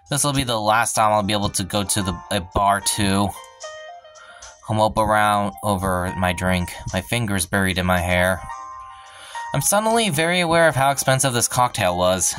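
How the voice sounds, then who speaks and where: A man's voice: lowish voice, fairly bright tone. A man hosting a let's play, reading a visual novel's first-person narration aloud, stumbling and breaking off now and then for wry asides.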